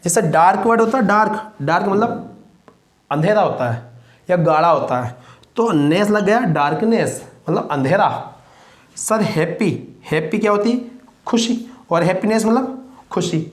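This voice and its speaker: A man's voice: high voice, animated, moderate pace. Guy teaching vocab, keeps asking the class stuff back, echoey room. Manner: drills students with repeated questions. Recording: roomy echo.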